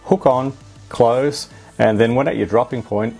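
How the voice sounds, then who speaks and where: A man's voice: mid-range voice, measured pace, creaky, music in the background. A man with an Australian accent gives a matter-of-fact product review as a voice-over, explaining features plainly. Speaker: drone reviewer.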